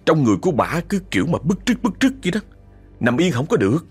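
A man's voice: fairly high pitch, sing-song, quick pace, breathy edge, soft background music. A man with a Southern Vietnamese accent telling a ghost story in a chatty way, often speaking straight to his listeners. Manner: chatty, addresses listeners directly. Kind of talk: told horror story.

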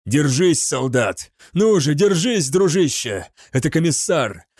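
A man's voice: fairly high pitch, sing-song, unhurried, darkish tone, no echo, clean studio sound. A man voicing a determined, commanding male commissar in an audiobook, speaking in a raised, urgent, rallying way.

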